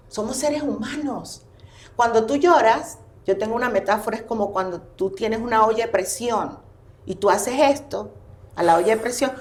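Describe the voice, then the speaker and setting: A woman, a therapist talking animatedly as a podcast guest. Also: a little high. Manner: expressive, animated storytelling. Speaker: family constellations therapist, guest. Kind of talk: casual podcast conversation. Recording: roomy echo.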